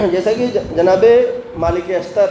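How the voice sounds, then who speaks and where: High-voiced preacher in an echoey mosque. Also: male voice. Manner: asks the congregation questions and answers them, recites Quranic verses. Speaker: Friday prayer preacher. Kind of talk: sermon. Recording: echoey mosque hall, faint background noise.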